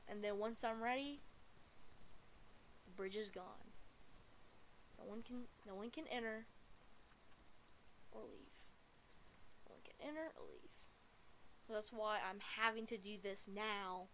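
A woman giving casual gameplay commentary, excitable and breaking into frustrated yelling. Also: medium pitch, slow, pauses often, a little hiss or hum, poor audio. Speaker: gamer.

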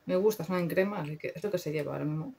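A woman's voice: deep voice, racing, gravelly, warm tone. A young woman with a Spain Spanish accent, chatting casually and slangily through a makeup review, swearing freely. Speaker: beauty vlogger.

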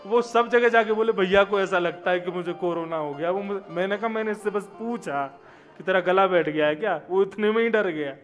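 A man with a high-pitched voice speaks fairly quickly in a devotional discourse, asking rhetorical questions, answering them, and weaving in anecdotes. He is seated at a lectern on a religious stage, and the gooseneck podium microphones give dull audio.

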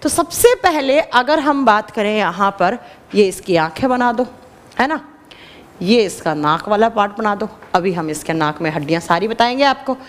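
A woman teacher giving an animated classroom lecture, quizzing her students and answering her own questions. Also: mid-range voice, normal speed, in a large hall. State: dry throat.

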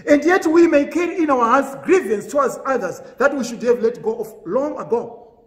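A man preaching a sermon as pastor, earnest and measured, pausing between phrases. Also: extremely high pitch, lively intonation, reverberant.

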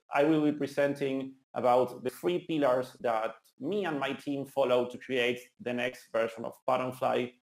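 A conference speaker from Argentina, a man in his thirties with an Argentinian accent, talks earnestly and enthusiastically, with some restarts. His voice is medium-pitched and gravelly, and the meetup hall gives the recording a roomy sound.

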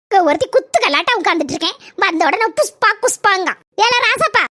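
Cartoon: woman playing high, bright, nagging old mother-in-law, Kanyakumari Tamil accent. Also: lively intonation, brisk, no room sound, clean studio sound, heavily acted. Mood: scolding. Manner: nagging, grumbling, sharp-tongued. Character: scolding elderly village mother-in-law. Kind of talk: cartoon comedy voice acting.

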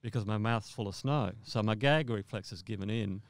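A man from Australia, a mountaineer guest in an interview, telling a vivid story in a halting way with repeated words. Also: lowish voice, dry recording, clean studio sound.

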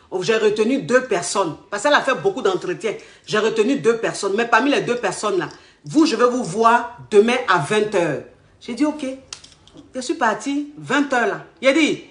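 A woman telling her life story in casual, animated speech, quoting the people she met. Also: fairly high pitch. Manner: animated retelling with acted quotes. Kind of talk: personal storytelling. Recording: echoey room.

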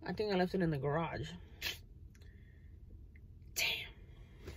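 A woman in her thirties, a vlogger, chats casually from inside her parked car, rambling and using lots of fillers. Her voice is deep, slow, and slightly rough, and the phone camera on the dashboard gives a rough recording.

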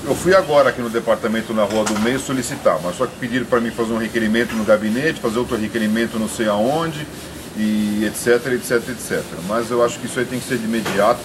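Outdoors, a São Paulo restaurant owner in his fifties earnestly explains things to a reporter, rambling and restarting as he goes. He has a Brazilian Portuguese accent and a medium-pitched voice, and he talks fast. It's an on-the-spot interview captured in a noisy outdoor field recording.

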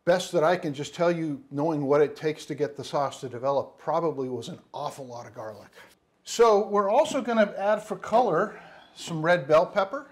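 A man's voice: fairly high pitch, animated, normal speed. Rambling man demoing a curry. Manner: rambling, many fillers and restarts. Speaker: spice shop owner doing a cooking demo. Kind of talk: casual cooking demonstration. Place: studio kitchen set, indoors. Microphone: lapel mic.

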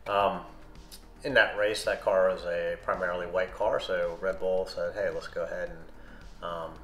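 A man with a very low voice talks through his collection in a loose, unscripted way. He hesitates often and fills gaps with ums and uhs. The room around him rings with echo. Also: a bit bright. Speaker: model car collector reviewing his collection. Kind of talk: casual unscripted product review. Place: room indoors, hands on a table with models. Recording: echoey room.

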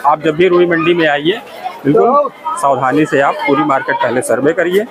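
A man's voice: a little high, normal speed, a loud crowd. Man guiding a tour through a noisy street market. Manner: points things out to viewers, repeats "look here". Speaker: vlogger giving a market tour. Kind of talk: walking tour narration. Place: outdoors on a crowded main market road. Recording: loud street noise behind the voice.

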